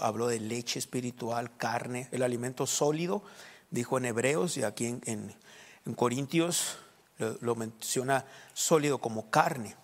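A male pastor delivers a sermon at a mid-range pitch. He keeps firing rhetorical questions at the congregation and answering them himself. The sound carries a long reverb from the hall around him.

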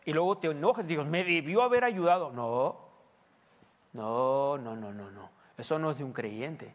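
A man's voice: mid-range voice, expressive, unhurried, long reverb tail. A male pastor preaches a sermon in a church. He talks to the congregation conversationally and often asks them questions.

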